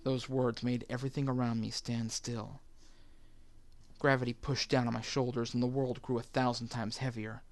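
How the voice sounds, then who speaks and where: A man narrating a first-person horror story in a steady, somber reading, over faint music. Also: mid-range voice, normal speed. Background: faint background music.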